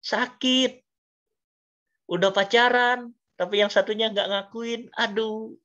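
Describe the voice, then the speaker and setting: A man preaching a youth sermon, telling the story with lively acted-out dialogue and questions to the audience. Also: sits high, slow pace. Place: church. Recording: dull lo-fi sound.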